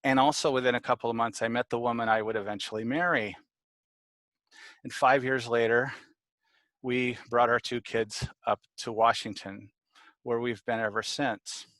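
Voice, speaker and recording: A man telling a personal story at a story slam in a reflective, unhurried way. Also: medium pitch, steady tone, a bit bright, no echo.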